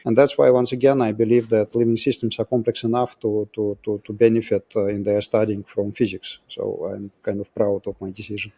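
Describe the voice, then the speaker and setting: Appearing as an interview guest, a physicist who moved into biotech science reflects and explains at length. He is a middle-aged man with a Russian accent and a warm, medium-pitched voice.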